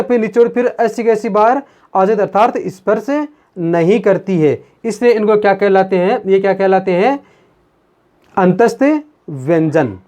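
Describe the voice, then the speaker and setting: A man teaching a grammar lesson on video. He talks slowly and repeats himself, calls the viewers his friends, and asks questions that he then answers himself. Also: high voice, a little mellow. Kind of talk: video lesson explaining at a board.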